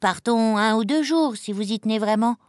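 A woman's voice: normal speed, clear, resonant tone, no echo, studio quality, natural voice. A woman voicing a fussy, irritable male rabbit who exclaims and scolds in a raised voice, in a storybook reading. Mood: sheepish. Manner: high-strung, exclaiming, scolding.

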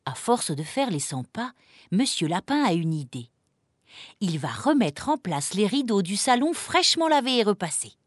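A woman narrating a children's story in a lively, expressive reading voice. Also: medium pitch, moderate pace, dry recording, studio quality.

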